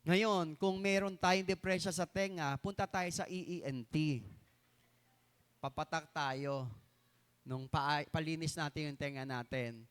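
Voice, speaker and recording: A middle-aged pastor from the Philippines preaching a live sermon to his congregation, often asking "no?" and stretching key words slowly for emphasis. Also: fairly high pitch, fairly even intonation, a bit bright, clear, resonant tone. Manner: keeps adding tag questions "no?" to the congregation. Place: church hall.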